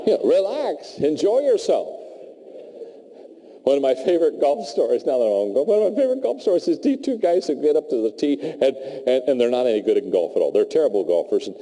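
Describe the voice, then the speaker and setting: A man's voice: medium pitch, sing-song, brisk, mellow. A man giving a humorous motivational talk to a live audience, telling golf stories and laughing at his own jokes. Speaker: motivational speaker. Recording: long hall reverb.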